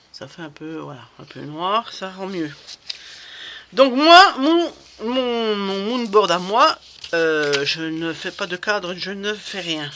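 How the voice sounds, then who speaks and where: A woman talks her way through a crafting project in a loose, rambling vlog chat, stumbling over restarts and fillers. Her voice is bright and a little sharp, with a faint hiss in the background. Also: lowish voice. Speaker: crafting vlogger. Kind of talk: casual chat while crafting.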